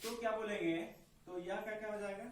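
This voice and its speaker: A man's voice: sits high, steady tone, fairly quick, slight background noise. Man teaching, echoey far room. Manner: asks questions often and repeats them. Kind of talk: classroom lesson with call-and-response. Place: classroom.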